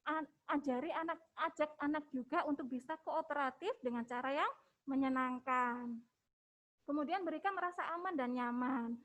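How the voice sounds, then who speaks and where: A woman giving a webinar talk for parents as a hospital health educator, gentle and coaxing, often ending phrases with a soft "ya", with an Indonesian accent. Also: high voice, moderate pace.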